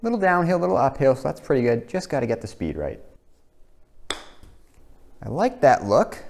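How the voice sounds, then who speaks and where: Casting: young adult man, mid-pitched voice, informal self-narrated golf commentary. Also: huge pitch swings, normal speed, creaky, darkish tone, a little hiss or hum. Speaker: host of a simulator golf series.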